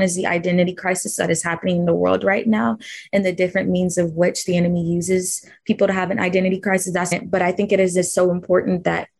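A woman co-hosts a faith podcast, talking earnestly and with emphasis. Her voice sits low and stays flat, recorded dry and close. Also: no echo. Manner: earnest and emphatic, with tag questions. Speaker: podcast co-host. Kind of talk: faith discussion.

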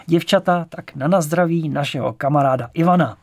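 A man reading an audiobook, voicing a brash, loud and teasing male poet character. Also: a little high, no echo. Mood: boisterous.

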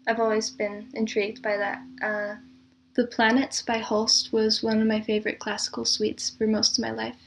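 A composer and audio drama producer speaks casually as an interview guest about her creative work. Her voice sits on the high side, with vocal fry and a completely flat delivery at normal speed, and there's a little hiss or hum in the audio.

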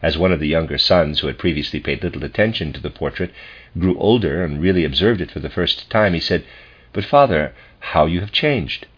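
A man with a husky voice reading a scholarly philosophy lecture aloud in a formal, deliberate, professorial manner. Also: rumbling low. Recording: dull lo-fi recording.

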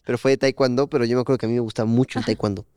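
A young man with a Mexican Spanish accent, co-hosting a podcast and telling a slangy, animated story in casual chat. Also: medium pitch, racing, clear, resonant tone, dry recording, studio quality. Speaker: podcast co-host.

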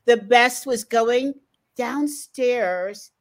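A woman's voice: on the high side, drawn-out words. A woman hosting a casual conversation, reacting eagerly and telling her own stories. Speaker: host.

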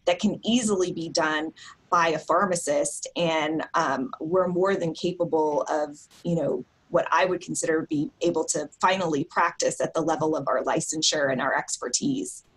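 A woman pharmacist, a guest on a podcast, talks with eager energy and frequent fillers. Her voice is quite low and husky. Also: poor audio. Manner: excited, fluent with fillers. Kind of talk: casual interview.

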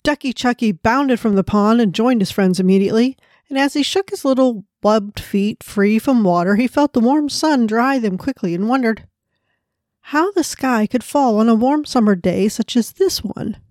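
A woman hosts a devotional podcast, narrating a children's story in an earnest, prayerful manner. Her voice is on the high side with a darkish tone, delivered at a moderate pace in a dry, clean studio recording.

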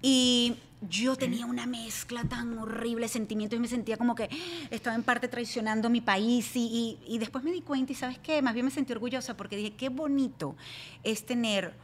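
A woman's voice: on the high side, steady tone, brisk. Woman, Venezuelan accent, podcast guest, storytelling, faint background noise. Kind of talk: casual chat.

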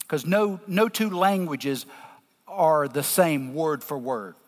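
A long hall reverb surrounds this male preacher with a deep Southern drawl. His voice sits high for a man, and he moves slowly through his sermon. He teaches with deliberate emphasis, breaking his thoughts into short phrases. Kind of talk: sermon, explaining scripture to a congregation.

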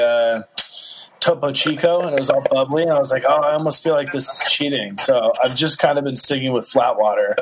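A man's voice: medium pitch, noisy background. A man hosting a podcast in casual chat, rambling with lots of fillers. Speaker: podcast host.

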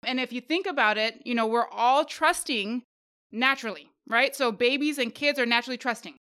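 A woman with a high, bright voice talks through an idea in casual conversation. Her tone is smooth and clear, and she muses reflectively, peppering her thoughts with "you know". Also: brisk. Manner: reflective, explaining with frequent "you know" asides.

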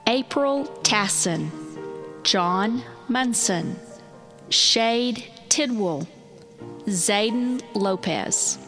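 A woman's voice: fairly high pitch, animated, a bit bright, faint music behind. Woman reading names through digital echo. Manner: slow, measured reading of names. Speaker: podcast co-host.

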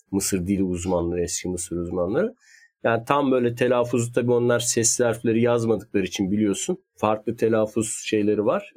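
A man with a somewhat low voice talking through history in a relaxed chat. He explains step by step, often hedging and checking his memory as he goes. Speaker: history conversation partner. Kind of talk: casual chat.

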